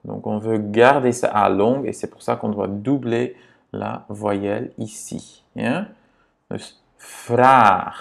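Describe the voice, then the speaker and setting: A man teaching grammar to beginners, patient and repetitive, checking in often with a quick "ok?". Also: fairly low pitch, vocal fry, darkish tone. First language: Dutch. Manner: patient, repeats words and checks in with "ok?". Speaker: language teacher.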